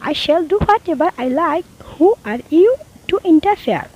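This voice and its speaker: High-voiced woman teaching English slowly. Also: animated, a little mellow. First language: Bengali. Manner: reads each English sentence twice, slowly and deliberately. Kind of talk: slow, repeated phrase-by-phrase teaching.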